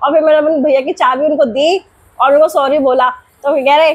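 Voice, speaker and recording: A woman's voice: sits high, fairly even intonation, normal speed. A young woman vlogger and mother telling a home story in a chatty, rambling way, repeating herself as she goes, then drawing a moral.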